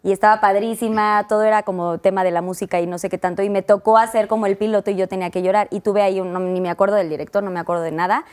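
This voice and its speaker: A woman's voice: medium pitch, fairly even intonation, racing, few pauses, a little mellow. A woman, hosting a casual chat show and asking her guests questions. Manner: chatty, asks many questions. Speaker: host.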